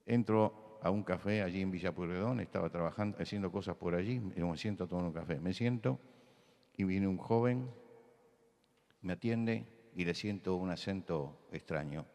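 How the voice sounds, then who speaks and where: An older Argentine man with a Rioplatense accent preaches in a conversational, storytelling way that builds to emphatic points. His voice sits very low. The sound carries a long church-hall reverb. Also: moderate pace, a little mellow. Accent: Rioplatense Spanish. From Buenos Aires, Argentina. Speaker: pastor. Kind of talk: sermon.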